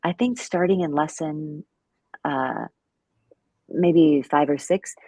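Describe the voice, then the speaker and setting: Low, mellow-voiced woman teaching casually. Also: slow, no echo. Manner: chatty, many fillers, laughs at herself. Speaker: Cantonese teacher co-hosting a live lesson. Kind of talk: casual live-stream teaching chat.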